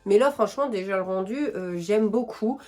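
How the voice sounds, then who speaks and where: A woman's voice: medium pitch, moderate pace, a little mellow. A young woman with a French accent chatting through a casual makeup tutorial, enthusiastic and full of fillers. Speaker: beauty vlogger.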